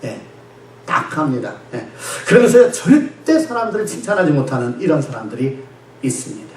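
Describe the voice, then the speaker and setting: A male pastor delivering a Sunday sermon, animated and laughing, who asks the congregation questions and answers them himself. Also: on the high side, moderate pace, slight background noise. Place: church sanctuary. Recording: echoey church sanctuary, distant mic.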